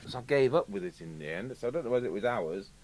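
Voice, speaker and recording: Talking fast with lively intonation, an English-accented man from the United Kingdom, medium-pitched and darkish in tone, thinks aloud in casual, rambling commentary at an indoor electronics repair bench, much like a radio repair technician. Clear background noise and electrical hum run throughout.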